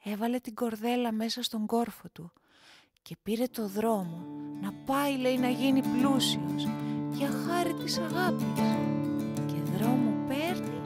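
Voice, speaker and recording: A woman storyteller narrates a folk fairy tale with an expressive, lilting delivery. Her voice sits fairly high, and a clearly audible guitar plays behind her throughout. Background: guitar music.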